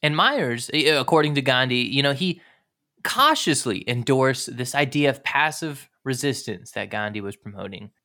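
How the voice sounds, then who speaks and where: A man hosts a history podcast in a very bright, forward, mid-range voice, animated and at a moderate pace. He's enthusiastic and informal, adding conversational commentary as he goes.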